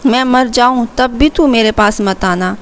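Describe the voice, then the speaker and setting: A woman voicing a stubborn, angry elderly mother-in-law who scolds harshly, in a slow, fairly high storybook reading. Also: natural voice.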